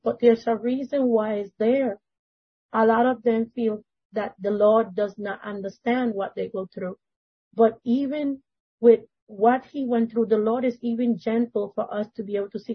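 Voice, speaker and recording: Husky woman, earnest and halting. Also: mid-range voice, no room sound. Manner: earnest, halting, searching for words. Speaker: church member. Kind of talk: earnest discussion at a church meeting. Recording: dry, dull lo-fi recording.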